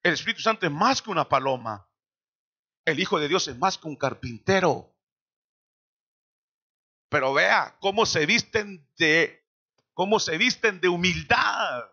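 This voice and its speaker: A man preaches in a church with a high, lively voice that climbs and drops widely. His tone is bright and gravelly, and he slows down for emphatic quoted lines. The recording sounds dull and lo-fi. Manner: dramatic preaching with slow emphatic quotations. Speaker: pastor. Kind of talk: sermon.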